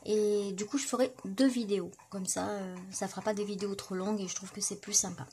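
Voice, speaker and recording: Middle-aged woman, casual crafting vlog, chatty, admiring, everyday pitch, faint background noise. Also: fairly even intonation, brisk, warm tone. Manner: chatty, many fillers, admiring. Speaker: crafting YouTuber. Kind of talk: casual show-and-tell vlog.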